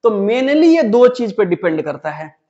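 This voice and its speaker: A man's voice: high-pitched, very animated, unhurried, mellow, muffled recording. A man teaching a physics lesson, who asks the class questions and then answers them himself. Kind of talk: classroom lecture.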